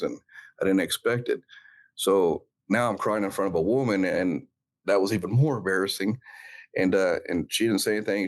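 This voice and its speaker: A middle-aged man with a low, deep voice recounts a personal story in a sit-down interview. He speaks earnestly and reflectively, often pausing on "uh" and restarting his sentences as he works through the memory. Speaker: interview guest, founder of a law enforcement brand.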